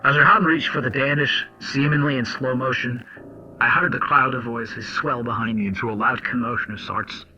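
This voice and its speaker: A man acting as a sardonic, foul-mouthed intelligence agent tells his own story in an audio drama, mixing narration and dialogue and speaking straight to the listener in a wry, confiding, conversational tone. His mid-range voice is sharp and fairly even, at a moderate pace, recorded from a distance. Music plays beneath a dull, lo-fi, old-radio sound.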